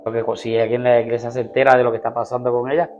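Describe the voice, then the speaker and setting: A man's voice: mid-range voice, flat delivery, racing, muffled recording, music in the background. A man, a pastor, telling his personal testimony in an interview, earnestly, acting out what people said to him. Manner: earnest storytelling, acting out quoted dialogue.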